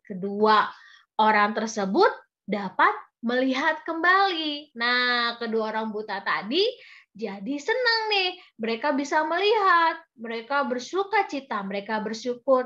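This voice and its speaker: Bright, high-voiced Indonesian woman storyteller. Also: dull audio. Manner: sing-song, coaxing, addresses children often. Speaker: Sunday school storyteller. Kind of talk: storytelling to small children.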